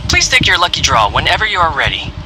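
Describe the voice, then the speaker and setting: A man's voice: fairly high pitch, huge pitch swings, quick pace, heavy background noise. A man playing a friendly, effusive festival bookseller in a video game. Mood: friendly, helpful. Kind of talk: scripted video game voice acting. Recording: game music behind.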